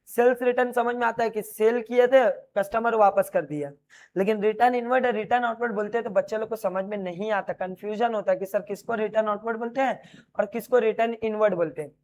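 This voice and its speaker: A man's voice: high voice, steady tone, a little fast, darkish tone. Man teaching, quizzing students. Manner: repeats key terms as questions and answers them; explains while writing on a board. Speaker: commerce teacher. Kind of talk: classroom lecture to students.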